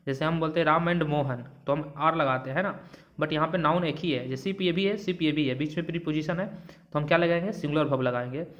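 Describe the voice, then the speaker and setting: A man's voice: a little high, brisk, fairly bright tone. A man teaching an exam-prep grammar lesson, explaining rules step by step, asking and answering his own questions and mixing in English example sentences.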